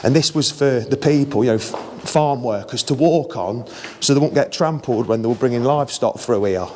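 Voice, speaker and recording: A man's voice: medium pitch, normal speed, darkish tone, a little hiss or hum. A man with an English East Midlands accent hosting a casual history vlog under a bridge, chatty and enthusiastic as a local guide. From Leicestershire, England. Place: outdoors beneath an old railway bridge.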